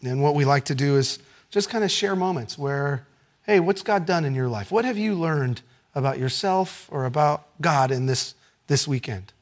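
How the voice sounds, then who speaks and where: A male pastor delivering a sermon in a high, very lively voice. He tells stories with big energy, then drops to soft, hushed tones for the serious points. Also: moderate pace. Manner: animated storytelling, swinging from excited shouts to hushed tones.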